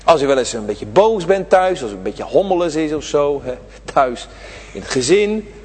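A man preaching a sermon to his congregation, swinging between loud, drawn-out emphasis and quiet, low asides. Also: lively intonation, big-room sound, a little hiss or hum. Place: church.

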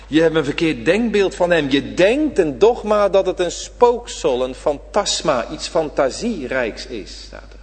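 A high-voiced man delivers a sermon with wildly varying melody, rising to emphatic peaks and sinking into near-whispers. He peppers the congregation with rhetorical questions. His voice trails off in the long reverb of a church hall. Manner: dramatic, swings from loud emphasis to near-whisper. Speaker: preacher.

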